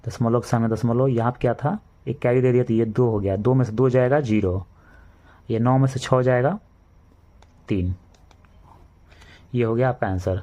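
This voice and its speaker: A man with a Bihari Hindi accent teaching a maths lesson to children, explaining each step slowly and repeating himself. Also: mid-range voice, steady tone, mellow. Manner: slow, repetitive step-by-step explaining, addresses children.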